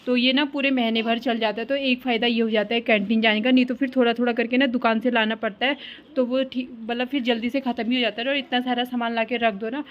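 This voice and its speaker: A woman's voice: a little high, steady tone, fast talker, highs cut off, slight background noise. A woman in her thirties with an Uttarakhandi Hindi accent, chatting casually through a family vlog and rambling with lots of filler. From Uttarakhand, India. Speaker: family vlogger. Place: outdoors in traffic and at home.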